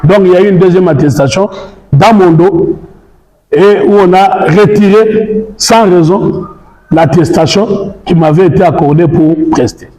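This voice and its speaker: A man's voice: high-pitched, a little slow, warm tone. A Congolese man, a lawyer, making a formal and methodical statement, arguing his case point by point. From Congo (DRC). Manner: argumentative, methodical, citing law articles. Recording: echoey room.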